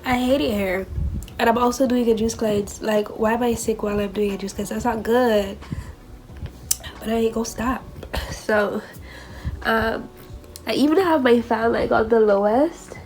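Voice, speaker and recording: A woman's voice: a little high, fairly even intonation, normal speed, darkish tone, rough recording. A young woman talking casually as a vlogger, her nose stuffed up, chatty and candid about being stressed. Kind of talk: casual vlog chat.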